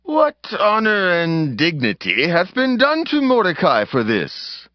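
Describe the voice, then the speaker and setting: Grand, slow, sweeping ancient king. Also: sits high, huge pitch swings, no echo, lo-fi sound, full character voice. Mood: inquiring, regal. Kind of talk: dramatized scripture audiobook acting.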